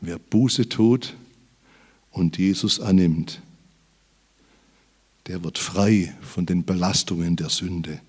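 A man's voice: low-pitched, darkish tone, husky. A man preaching a sermon, reading Bible verses aloud and building up emphatically on key phrases.

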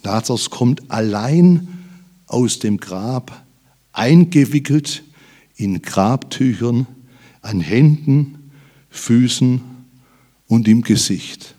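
A man's voice: mid-range voice, expressive, extremely slow, long pauses, dark tone. A man preaching a sermon, reading Bible verses aloud and building up emphatically on key phrases.

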